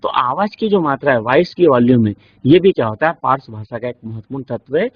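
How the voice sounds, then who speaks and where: A man with an Indian accent giving a classroom lecture, explaining slowly with many examples and rhetorical questions. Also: medium pitch, lively intonation, slightly rough, no echo. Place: classroom studio. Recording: dull lo-fi recording.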